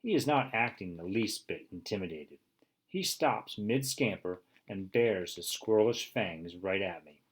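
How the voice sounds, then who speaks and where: Husky male storybook narrator. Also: measured pace. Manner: expressive, with bursts of high excitement. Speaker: audiobook reader. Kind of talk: first-person storybook narration.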